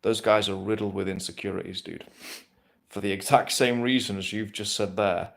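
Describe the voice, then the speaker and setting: A man's voice: on the low side, steady tone, moderate pace, creaky, fairly bright tone. A man, talking bluntly and casually with plenty of swearing while answering viewer questions on a live stream. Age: 30s.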